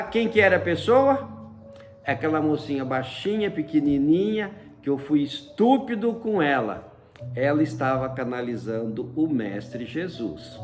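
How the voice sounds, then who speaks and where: A man casually telling a personal story in a chatty way, often tagging "né?" and using fond diminutives. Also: on the high side. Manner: chatty, fills with frequent "né?"; uses many fond diminutives. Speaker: storyteller recounting a personal experience.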